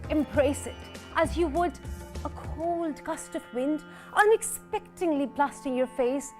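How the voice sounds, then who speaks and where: A woman playing a smug self-help spiritual guide, speaking slowly in a mock-soothing tone over faint music. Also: sits high, a little mellow. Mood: serene. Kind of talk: sketch comedy.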